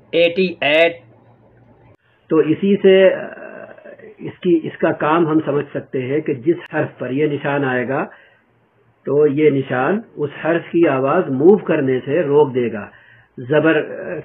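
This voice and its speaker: A man teaching an Urdu reading lesson, patiently repeating and spelling out letter sounds step by step. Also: a little high. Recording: tinny phone-like audio.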